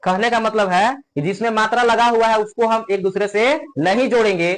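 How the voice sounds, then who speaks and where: A woman teaching a lesson for children, who talks slowly, repeats every point and asks questions and answers them herself. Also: mid-range voice, steady tone. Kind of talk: classroom-style lesson for children.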